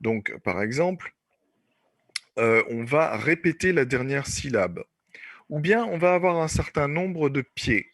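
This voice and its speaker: A man's voice: fairly high pitch, animated, a little slow, a bit bright, dry recording. A man teaching an online class, explaining patiently and repeating points with many fillers. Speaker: French teacher.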